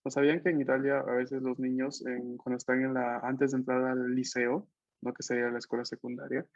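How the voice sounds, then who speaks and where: A man's voice: medium pitch, little pitch movement, fairly quick, no room sound. Guy teaching a language class over a video call, patient explainer, keeps saying "no?", dry muffled lo-fi sound. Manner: explanatory, tags most phrases with a questioning "no?". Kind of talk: online Italian class taught in Spanish. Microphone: computer mic on a video call. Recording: dull lo-fi video call audio.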